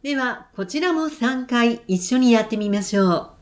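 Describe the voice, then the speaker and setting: A woman leading vocal exercises, giving calm, clear and encouraging instructions. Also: a little high, moderate pace. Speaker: voice trainer.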